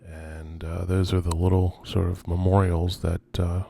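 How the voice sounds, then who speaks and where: A man's voice: low-pitched, flat delivery, unhurried, vocal fry, dark tone. A man giving an unscripted narrated tour as an urban explorer, speaking in a hesitant, musing, subdued way with trailing phrases. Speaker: video host and urban explorer. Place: on location at night around abandoned row houses. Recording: noisy ambient location recording.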